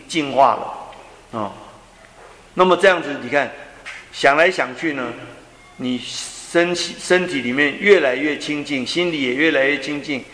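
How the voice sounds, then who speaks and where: A man giving a slow, gentle dharma talk on breathing meditation, often trailing off with soft drawn-out particles. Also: medium pitch, a little hiss or hum. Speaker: Buddhist teacher. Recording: echoey hall with long reverb.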